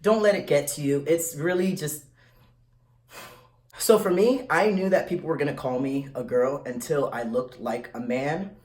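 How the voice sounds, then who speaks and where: A man talking casually to viewers in a vlog, animated and blunt, full of slang and quick restarts. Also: on the high side. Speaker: vlogger. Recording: echoey room.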